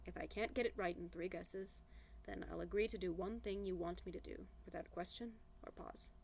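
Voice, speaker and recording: A woman voicing a shy but self-assured nerdy teenage boy in a read-aloud novel, speaking in a calm, measured way. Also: lowish voice, creaky, slight background noise. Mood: confident.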